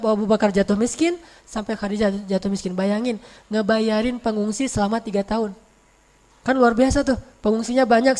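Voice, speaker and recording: A woman preacher retelling stories in a lively, conversational sermon, with frequent restarts. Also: a little high. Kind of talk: sermon storytelling.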